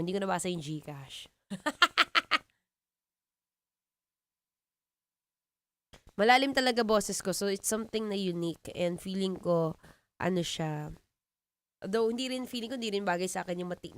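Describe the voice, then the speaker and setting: A young woman with a Filipino accent hosts a live radio show in a deep, low-set voice. She banters playfully with her listeners. The studio sound is close and dry. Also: lively intonation, measured pace, pauses often, fairly bright tone, dry recording. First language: Tagalog. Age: 20s. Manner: playful, teasing, laughs often. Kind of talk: live radio chat reading comments.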